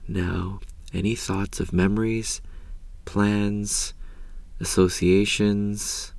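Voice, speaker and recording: In a very low, soft voice, a man narrates a slow guided meditation. He stays calm and unhurried, leaving long pauses, and his phrases trail off gently into a gravelly creak. There is no echo.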